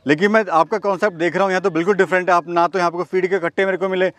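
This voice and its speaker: A middle-aged man interviewing a farmer outdoors, asking brisk, prompting questions and addressing viewers directly. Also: sits high, fairly even intonation, a bit bright, no echo. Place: outdoor farm among chickens. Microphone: handheld mic at mid distance. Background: chickens clucking and crowing.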